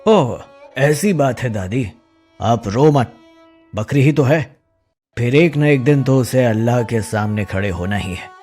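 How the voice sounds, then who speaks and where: A man's voice: medium pitch, lively intonation, measured pace, darkish tone, soft background music. A man voicing a greedy, scheming young goat thief who wheedles and mocks with a sly tone. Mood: mock-sympathetic.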